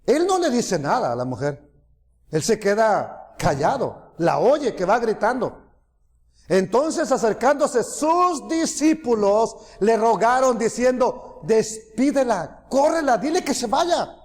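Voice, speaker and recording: Male preacher, lively sermon delivery, higher voice, reverberant church hall. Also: slow pace. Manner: animated, rising to loud cries when quoting, dropping low for asides.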